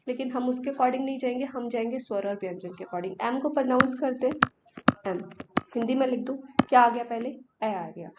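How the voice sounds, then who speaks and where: A woman's voice: a little high, darkish tone, lo-fi sound, slight background noise. A woman teacher giving an exam-prep grammar lesson. She asks her students questions and answers them herself, mixing English words into Hindi.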